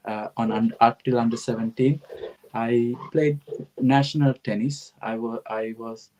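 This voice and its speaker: An earnest middle-aged man answers interview questions at a mid-level pitch. He talks in a reflective, storytelling way. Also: darkish tone, low-quality recording. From Sri Lanka. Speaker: guest.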